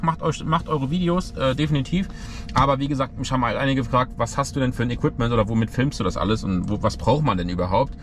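A man in his thirties talking casually to the camera from the driver's seat of his car, relaxed and full of fillers. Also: medium pitch, slight background noise. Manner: chatty, relaxed, many fillers. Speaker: vlogger. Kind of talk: casual vlog talk to camera. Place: inside a car, driving then parked. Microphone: camera mounted on the dashboard.

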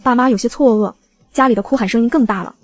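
A woman narrating a web novel audiobook in a brisk, even storytelling voice. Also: fairly high pitch, dry recording.

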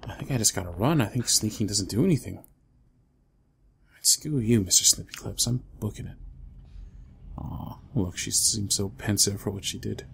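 A young adult man commentating a horror game, dropping to whispers and breaking into loud panicked yelps. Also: lowish voice, moderate pace, creaky, pauses often, slight background noise. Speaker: gamer. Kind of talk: let's play commentary.

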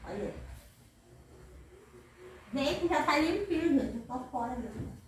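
This tired, chatty home cleaning vlogger, a Brazilian woman in her thirties, talks casually to viewers while cleaning her kitchen, addressing them often. Her high voice has lively intonation but a slow pace. A camera across the indoor room catches echoey audio and background noise.

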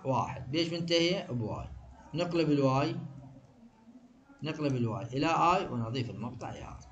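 A man with an Iraqi Arabic accent teaching an exam review, firing quick questions and answering them himself. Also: on the high side, muffled recording, slight background noise. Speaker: English teacher.

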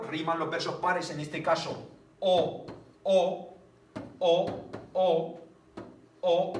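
Slow, roomy classroom teacher, man. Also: on the high side, slight background noise. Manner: checks understanding with repeated rhetorical questions; counts syllables aloud slowly. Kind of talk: classroom lecture. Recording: roomy, distant mic.

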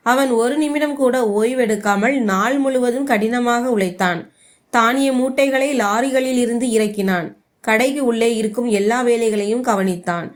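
Expressive woman storyteller, fairly high voice. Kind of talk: scripted story narration.

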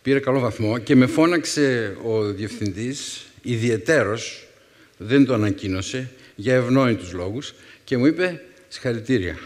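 A man in his fifties, a teacher, telling wry personal stories with thoughtful pauses to a young audience. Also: mid-range voice, expressive. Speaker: secondary school philology teacher and speaker. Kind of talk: storytelling talk to a young audience. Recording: reverberant hall.

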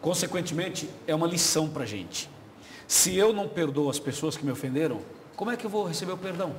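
A fast-talking man with a slightly high, animated voice and a Brazilian Portuguese accent works as a pastor, taking viewers' questions on a live video chat. He explains things warmly and chattily and laughs easily, in a reverberant studio with a hint of ambient noise.

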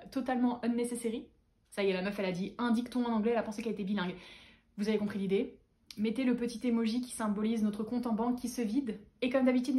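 A woman's voice: on the high side, darkish tone. A young woman from France hosting a casual book haul chat, gushing with fan enthusiasm. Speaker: booktuber host.

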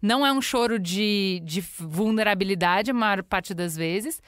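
A woman's voice: medium pitch, unhurried, a bit bright, smooth, dry recording, clean studio sound. A woman hosting a casual podcast conversation, speaking in a reflective way. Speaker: podcast host.

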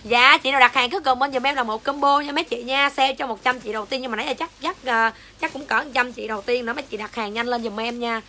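A woman's voice: on the high side, steady tone, fast, hardly any pauses, bright, forceful tone, slight background noise. A young woman with a Southern Vietnamese accent selling skincare on a livestream, switching between coaxing sales patter and foul-mouthed rants at commenters. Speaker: livestream seller.

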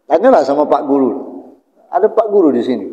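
Animated Palembang preacher in an echoey hall. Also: male voice, a little high, a little fast. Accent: Palembang Malay. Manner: animated storytelling, acts out voices of angels and sinners. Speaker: preacher at weekly study. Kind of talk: storytelling sermon. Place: prayer room. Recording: echoey hall, muffled audio.

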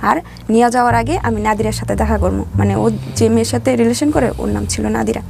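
As an interview guest, a woman with a Bangladeshi Bengali accent shares her life story in colloquial speech, performing the conversations she recalls. Her voice is a little high, gravelly, and steady in tone at a quick pace, with background noise present.

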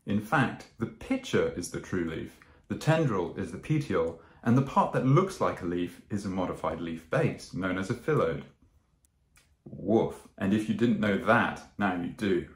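A man's voice: low-pitched, animated, normal speed. A man giving a scripted science explanation. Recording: roomy echoing sound.

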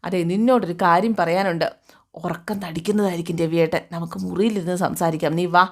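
A woman's voice: on the low side, fairly even intonation, fairly quick. A woman voicing an easily angered middle-aged mother-in-law who complains indignantly. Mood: hushed scheming.

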